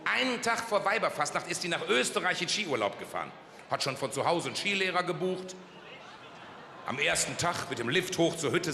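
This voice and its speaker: Gravelly carnival comedian. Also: male voice, fairly high pitch, sharp tone. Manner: punchy, storytelling joke delivery. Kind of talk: comic carnival speech. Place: large carnival hall. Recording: long hall reverb, faint crowd noise.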